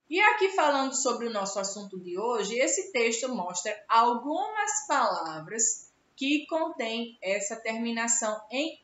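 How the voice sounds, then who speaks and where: A woman teacher, giving a spelling lesson and slowly reading word lists aloud. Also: on the high side, fairly bright tone. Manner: slow, deliberate, reads word lists aloud. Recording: echoey, dull lo-fi room recording.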